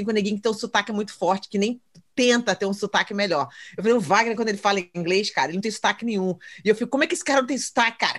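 A woman from Brazil hosting a podcast, chatting casually and animatedly, acting out her own quotes. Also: mid-range voice. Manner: animated storyteller, acts out quotes. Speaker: podcast host. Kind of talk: casual chat.

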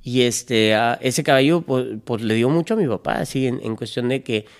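A man's voice: mid-range voice, moderate pace. A man from Chicago, a podcast guest telling long family stories in a rambling, profane way and acting out the quoted voices. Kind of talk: casual storytelling chat.

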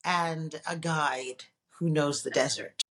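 A woman from Nigeria, a guest on an interview show, telling her story in a relaxed, chatty way. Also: sits low, slow pace. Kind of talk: casual interview conversation.

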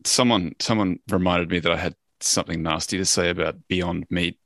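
A man's voice: deep voice, fairly even intonation, fairly quick, a bit bright, dry recording. A man co-hosting a finance podcast, talking bluntly and rambling with restarts. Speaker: podcast co-host. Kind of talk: casual finance podcast chat.

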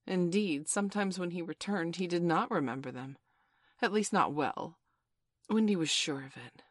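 Woman, storybook narrator, lowish voice, measured expressive reading, dry close recording. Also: no echo. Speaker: audiobook narrator.

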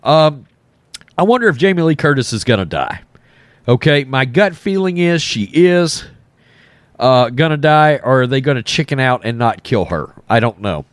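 Man, swollen-throat congested voice, head cold, mid pitch, casual opinionated reaction host, close dry sound. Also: expressive, moderate pace, dry recording. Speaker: host of a film reaction channel. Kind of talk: casual off-the-cuff trailer reaction commentary.

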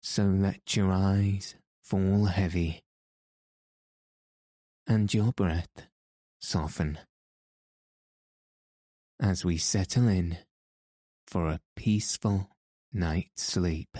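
Male sleep story narrator, low mellow voice, soothing, measured scripted reading, close dry recording. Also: fairly even intonation, no echo. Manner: soothing, measured delivery for lulling listeners to sleep. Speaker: host and reader of a sleep podcast.

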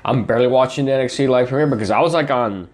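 A man's voice: medium pitch, racing, a little mellow. A young man hosting a casual pop culture podcast, rambling with lots of fillers. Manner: rambling, filler-heavy, eating while talking. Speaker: podcast host.

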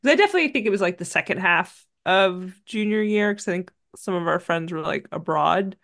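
A woman's voice: on the low side, expressive, fairly quick, a bit bright. A woman in her thirties co-hosting a casual movie podcast, rambling with lots of "like" and "um". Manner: rambling, filler-heavy, frequent "like". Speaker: podcast co-host. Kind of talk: casual movie recap chat.

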